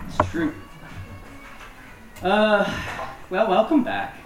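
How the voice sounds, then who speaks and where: A man's voice: high voice, big pitch swings, extremely slow, faint music behind. A man preaching a casual, self-deprecating sermon as pastor, with many fillers. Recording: echoey room, distant mic.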